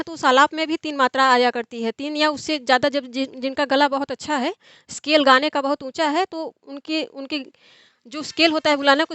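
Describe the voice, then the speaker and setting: A woman's voice: high-pitched, fairly bright tone, dry recording. A young woman tutoring for an exam in an online lecture, explaining step by step and answering her own questions. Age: young adult.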